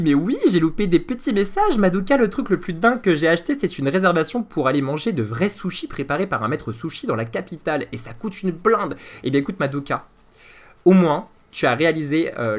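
A man's voice: on the high side, brisk. Chatty man in his thirties streaming. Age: 30s. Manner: chatty and animated, laughing at his own jokes. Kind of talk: casual live-stream chat with viewers.

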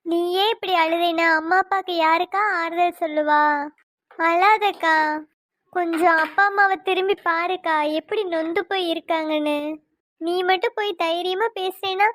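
A woman voicing a gentle younger sister in a cartoon who softly coaxes her sister to stop crying. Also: very high-pitched, steady tone, normal speed, no echo. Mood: comforting. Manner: soft coaxing reassurance.

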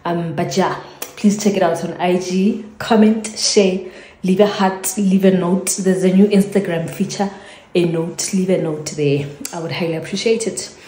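Signing off her home vlog, a South African woman chats away, repeats her thanks, and tails off into fillers. Her voice is low and mellow with fairly even intonation and normal speed, recorded in an echoey room with slight background noise.

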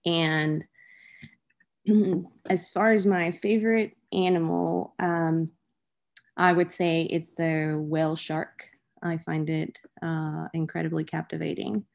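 A woman from Colombia introduces herself on a video call. Her voice sits low with a gravelly fry, and she speaks in a measured, articulate way. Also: flat delivery, darkish tone. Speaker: networking participant. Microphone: laptop microphone on a video call.

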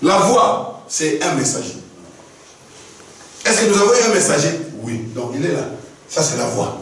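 A male preacher delivers an animated sermon, his high voice rising and falling as he acts out exchanges between people. He is heard from a distance in a very echoey hall. A faint hum sits under the recording. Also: a little slow. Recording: echoey room from far off, faint noise.

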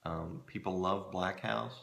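A middle-aged man chatting casually to camera in a musing, hesitant way, often pausing mid-thought, recorded in a small room at home. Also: low voice, steady tone, vocal fry, a bit bright. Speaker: pipe-smoking hobbyist reviewing tobacco blends. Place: small home storage room with shelves, indoors. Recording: roomy echo from camera mic.

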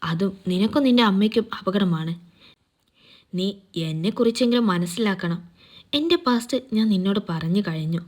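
A stern young husband, guarded and cold, as a woman narrator reads his lines. He speaks gravely and evenly, keeping his distance, at a plain middle pitch in a storybook reading. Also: expressive, darkish tone, natural voice. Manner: grave, measured, cool.

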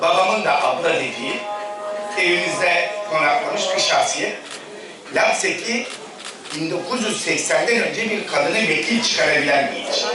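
Middle-aged male politician at a podium mic, high-set voice, rhetorical delivery, boomy distant hall sound. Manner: rhetorical, addressing the crowd with pauses between phrases. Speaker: politician giving a congress speech. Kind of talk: formal political speech to a party congress. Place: large echoey congress hall. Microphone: speaking at a podium microphone. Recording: echoey hall, distant mic, audible room noise.

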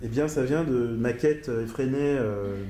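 This middle-aged psychiatrist has a warm, medium-pitched voice and a measured pace as he speaks on a conference panel, giving an academic talk and discussion. He's hesitant, with many fillers, and careful over foreign names. The large lecture hall sounds echoey, with faint noise.

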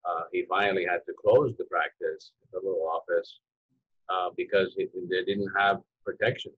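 A low, flat-voiced man in his fifties from Iran speaks haltingly on a video call, restarting his sentences again and again. The audio is dull and lo-fi, with a dry, close sound. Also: breathy edge, no echo. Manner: hesitant, halting with many restarts and fillers. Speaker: photographer and photography teacher. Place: home room with dark curtain. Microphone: video call computer mic.

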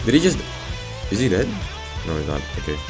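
A young man giving excitable, profane commentary while playing a video game. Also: sits low, brisk. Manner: excitable, profane, reacting loudly. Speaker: let's play host. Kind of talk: gaming commentary. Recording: music playing clearly behind. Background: game music.

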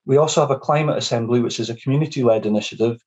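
A man giving a steady, informative panel presentation over a video call, sometimes repeating words as he goes. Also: mid-range voice, very fast, breathy edge. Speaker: regional development area manager. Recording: muffled lo-fi video call audio.

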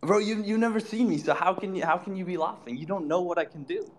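A man's voice: sits high, fast talker. A young man from Sweden, a boxer trash-talking at a face-off, pushy and repeating himself as he presses his rival.

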